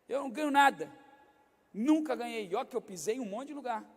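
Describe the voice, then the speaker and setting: High-voiced Brazilian pastor preaching in a hall. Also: male voice, lively intonation, a little fast. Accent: Brazilian Portuguese, Rio de Janeiro state. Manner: swings from quiet, confiding asides to loud, shouted preaching. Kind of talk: sermon. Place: large church hall. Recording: long hall reverb.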